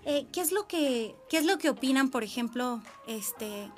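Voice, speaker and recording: A woman's voice: high voice, expressive, normal speed, faint music behind. A young woman, hosting a casual panel chat in a playful, chatty way. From Mexico. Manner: chatty and playful, many fillers. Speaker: host.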